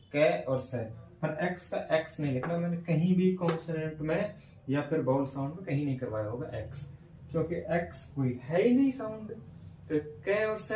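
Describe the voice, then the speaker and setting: A male teacher giving a classroom lesson on phonetic transcription, slowly sounding out words and often checking whether students follow. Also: on the high side, darkish tone, a little hiss or hum. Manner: slow, repeats sounds and checks understanding often. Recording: echoey room from far off.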